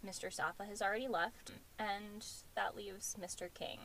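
A woman's voice: medium pitch, fairly even intonation, moderate pace, a bit bright, rough recording. Chatty woman podcaster with faint noise. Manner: chatty, many fillers like "um" and "like". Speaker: podcast co-host. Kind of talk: casual recap chat.

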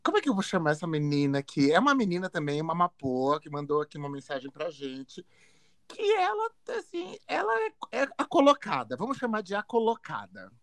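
A podcast co-host chats casually and reacts with expressive outbursts. The pitch swings widely and brightly. The sound is close and dry. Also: brisk, dry recording.

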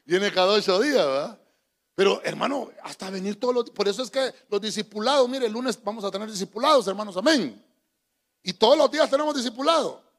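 A man's voice: high-pitched, lively intonation, fairly quick. A man preaching to his congregation in a folksy, joking way, often calling them brother. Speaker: pastor. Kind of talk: sermon. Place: church. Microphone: handheld microphone.

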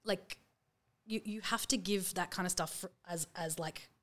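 A woman's voice: lowish voice, moderate pace. A woman hosting a podcast, chatting casually and acting out what other people say to her. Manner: animated, laughing, acts out other people's lines. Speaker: podcast host. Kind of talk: casual chat.

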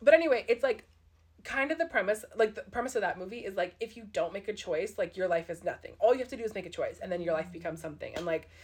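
A woman's voice: mid-range voice, expressive, quick pace, husky. A young woman recorded in an attic, chatting casually and self-deprecatingly as a podcast co-host, with "like" peppered through her talk. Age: young adult. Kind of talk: casual personal chat.

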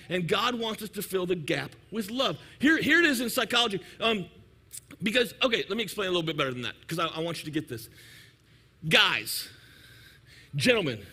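A male pastor preaching a sermon, animated and playful, acting out little everyday scenes. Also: high-pitched, slightly rough.

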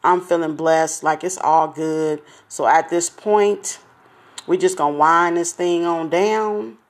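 A middle-aged woman hosting her own talk podcast with an upbeat, slangy chattiness. She speaks straight to her listeners in a fairly low voice and smiles through her words. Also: fairly even intonation, slow pace. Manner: smiling and laughing as she talks. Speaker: podcast host. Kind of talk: casual podcast chat.

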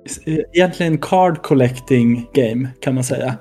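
A man's voice: medium pitch, mellow, slightly rough, soft background music. A man co-hosting a casual podcast chat, talking enthusiastically about games he has been playing. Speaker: podcast co-host.

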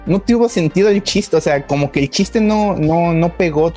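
A Mexican man rambles through a casual podcast discussion. He speaks in a mellow, darker voice and fills his thoughts with hesitations and restarts. Faint music plays behind him. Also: a little high, moderate pace. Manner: rambling, many filler words and restarts.

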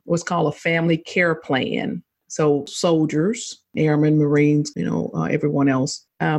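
A woman's voice: deep voice, a little mellow, breathy edge. A middle-aged woman, a former army battalion commander, telling personal stories in an interview, emotional and laughing often. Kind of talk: interview storytelling.

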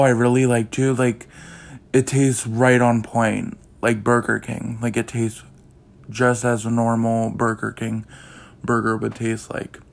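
Young male podcast host, casual rambling delivery, slow and monotone. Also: mid-range voice, creaky. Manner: rambling, heavy use of "like" and "um". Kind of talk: casual chat.

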